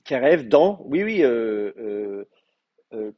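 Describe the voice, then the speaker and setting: A man's voice: mid-range voice, very animated, slow, no room sound, dull audio. A man teaching an advanced class in a live lecture, explaining patiently with frequent hesitations and fillers. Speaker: Hebrew teacher.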